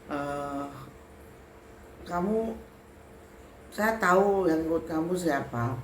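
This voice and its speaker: A woman's voice: deep voice, lively intonation, slow pace. A woman voicing an old female jinn with matted hair, defiant and vengeful, in a roomy recording with faint noise. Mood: taunting. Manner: taunting, then weeping and pleading.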